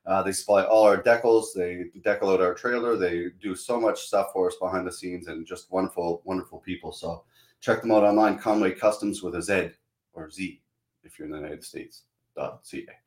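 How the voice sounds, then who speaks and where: A man's voice: low-pitched, steady tone, moderate pace. A hungover man hosts a podcast in a casual, hesitant way full of uhs. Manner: informal, hesitant, frequent uhs. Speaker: podcast host. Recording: roomy, echoing sound.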